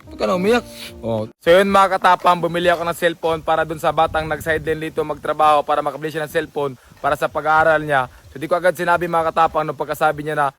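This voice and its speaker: A man's voice: on the high side, flat delivery, fast, few pauses, fairly bright tone, faint music behind. A young adult man hosting a casual vlog, coaxing and repeating short phrases again and again. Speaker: vlogger host.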